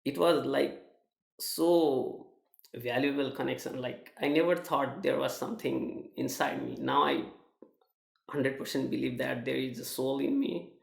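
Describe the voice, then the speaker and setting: A young man from Nepal with a Nepali accent, sharing a personal testimonial in a halting way, with many fillers and restarts. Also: medium pitch, vocal fry, roomy sound. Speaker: student sharing his experience.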